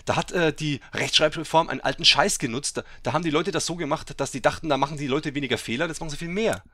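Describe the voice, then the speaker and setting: A man giving let's play game commentary, excitable and teasing, who swears and bursts into loud yells. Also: a little high, fast talker, no echo. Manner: mocking, teasing banter.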